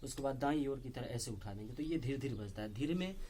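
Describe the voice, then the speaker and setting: A man teaching tabla step by step, explaining slowly and patiently and saying the drum syllables aloud between strokes. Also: mid-range voice, lively intonation, slight background noise. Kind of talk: step-by-step music lesson. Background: loud tabla playing.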